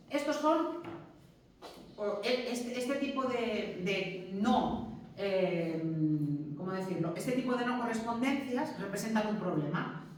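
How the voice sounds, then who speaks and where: A woman teacher giving a classroom lecture, explaining step by step and checking in with "¿mm?" and "¿sí?". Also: medium pitch. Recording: very echoey classroom, mic far off.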